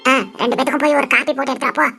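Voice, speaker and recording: A woman's voice: high-pitched, fairly even intonation, racing, vocal fry. A woman voicing a scheming, bossy village mother-in-law in a cartoon, scolding and giving orders. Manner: scolding, ordering people about. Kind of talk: cartoon voice acting. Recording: background music under the voice.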